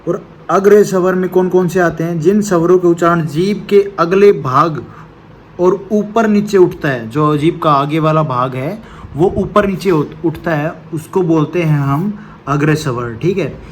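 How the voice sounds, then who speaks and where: A man's voice: on the high side, measured pace, a little hiss or hum. A male teacher giving an exam-prep grammar lesson, patiently explaining step by step, posing questions and answering them himself, with a checking "okay" after each point.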